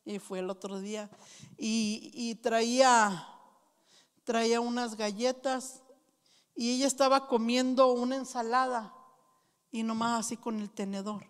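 A woman pastor preaching a sermon and telling personal stories, slow and earnest, with frequent restarts. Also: fairly high pitch, steady tone, smooth. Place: church hall. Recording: long reverb of a church hall.

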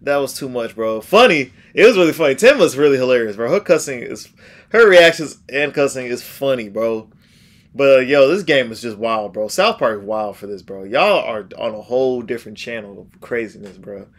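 A man's voice: medium pitch, animated, normal speed. A man in his thirties chatting casually as a reaction video host, laid-back and slangy with exclamations. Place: small furnished room at home.

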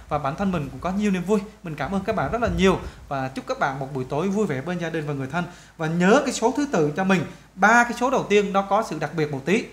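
A man with a Vietnamese accent teaching an English lesson, patiently repeating words slowly for students to copy. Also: sits high, fairly bright tone. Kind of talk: explaining English grammar to students.

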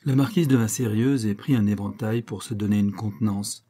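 A male audiobook reader with a dark, mellow timbre and a slightly husky grain. He tells a period story in an even, measured way. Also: lowish voice. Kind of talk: literary audiobook narration.

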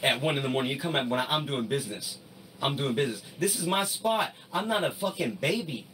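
Fast-talking defiant man in his thirties. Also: mid-range voice, lively intonation. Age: 30s. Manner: loud, defiant, repeats himself. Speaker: livestreamer. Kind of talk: heated argument on a livestream. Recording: distant mic with faint noise.

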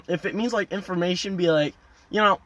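A young man ranting to camera in a casual, foul-mouthed vlog, loud and animated, veering between yelling and muttering, parked at a roadside turnout. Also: sits high, slightly rough. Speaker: vlogger. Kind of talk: casual profane rant to camera.

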